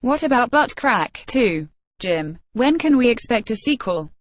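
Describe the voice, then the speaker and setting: A man putting on a quick, chirpy interviewer voice to ask himself questions for a talk show. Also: extremely high pitch, sing-song, a bit bright, no room sound, voice pushed up, exaggerated voice. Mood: eager.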